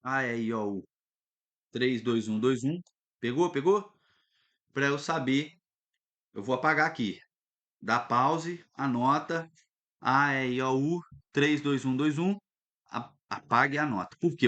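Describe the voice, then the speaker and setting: A man teaching a recorded lesson, lively and instructive, often stopping to check that students follow. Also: on the high side. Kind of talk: recorded online lesson at a whiteboard.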